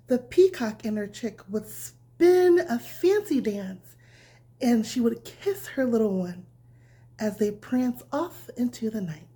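In the manner of a bedtime storyteller, a woman reads a picture book to what sounds like a small child, nurturing and simple. She takes her time, and her mellow, fairly high voice is animated yet breathy, often falling almost to a whisper.

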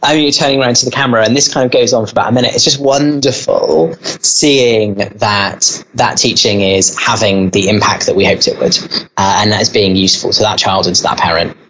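A man's voice: lowish voice, steady tone, fairly quick, fairly bright tone, poor audio. A man who leads a school answers interview questions, talking earnestly and at length. He explains things in full, with the odd "um" and restart as he goes. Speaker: school leader.

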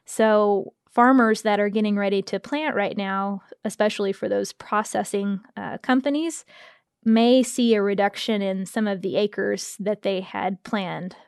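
A woman's voice: mid-range voice, fairly even intonation, measured pace, clear, resonant tone, dry recording, studio quality. An American woman reporting farm news in a plain, matter-of-fact way. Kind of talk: casual podcast interview.

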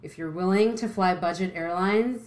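Low-voiced chatty woman from Brooklyn. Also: moderate pace. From Brooklyn, New York. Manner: chatty, animated, full of asides. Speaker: podcast guest. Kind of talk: casual chat.

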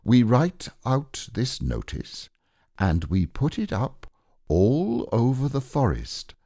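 A man's voice: medium pitch, wildly swooping pitch, takes it slowly, gravelly, dark tone, no echo, studio quality, pitched above the performer's own voice, exaggerated voice. A man voicing a self-important, long-winded storybook owl with a pompous, explanatory way of talking. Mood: declaiming. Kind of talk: storybook character reading.

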